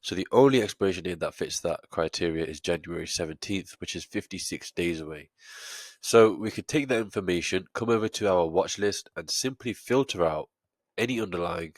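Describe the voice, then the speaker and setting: A trading educator, a man with a stuffy nose from a cold, walks through an options trade step by step in a screen-share tutorial, using frequent fillers. His voice is low-pitched and fairly quick, with no echo.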